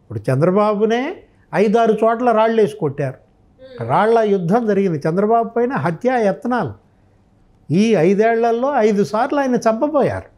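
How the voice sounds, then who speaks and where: A man delivers impassioned political commentary, emphatic and packed with rhetorical questions, sometimes re-enacting what others have said. His high-pitched voice is a little mellow, with lively intonation at a normal speed.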